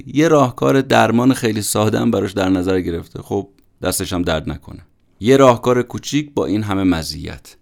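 Male podcast host, low gravelly voice, casual conversational book-summary read. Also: a little mellow. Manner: conversational, chatty retelling with colloquial asides.

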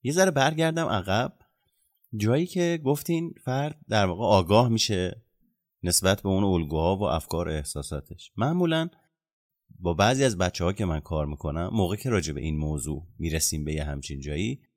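A man's voice: low voice, expressive, darkish tone, dry recording, clean studio sound. A man hosting an interview, politely thanking his guest and asking a follow-up question. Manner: polite, brief affirmations. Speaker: interviewer host.

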